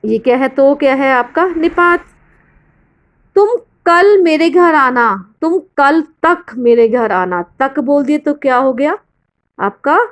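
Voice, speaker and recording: A woman's voice: sits high, unhurried. A woman teacher explaining grammar to her students in a recorded lesson, patient and explanatory, often asking questions and answering them herself. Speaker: school Hindi teacher.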